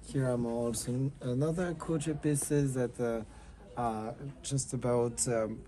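Slight background noise accompanies this young man's medium-pitched, dark voice, which is unhurried with fairly even intonation. A fashion designer with a French accent, he casually walks through his collection in a showroom, speaking English hesitantly but with enthusiasm.

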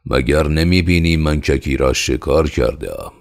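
A man's voice: a bass voice, vocal fry. Man playing an arrogant bullying overseer. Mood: mocking. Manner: loud, domineering, mocking.

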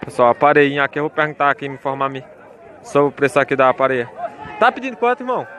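In a mid-range voice at a quick pace, a vlogger makes his way through the outdoor cattle pens of a fair, phone in hand. He gives casual, chatty commentary to viewers, keeps calling out to them repetitively, and the outdoor market hums with crowd chatter.

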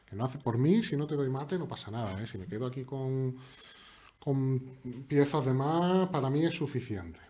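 A man commentates his own live chess game, his slightly husky voice swinging widely in pitch as he jokes. He teases his opponent and chats to his viewers in a playful, animated way. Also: normal speed. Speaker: chess streamer. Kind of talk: live commentary while playing online chess.

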